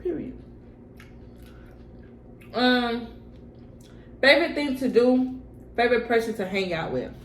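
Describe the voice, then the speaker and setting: This young adult woman's voice is a little high and expressive, slow, with frequent pauses. She chats slangily to camera in a mukbang, fielding personal questions and repeating things for emphasis, recorded in an echoey space with slight background noise.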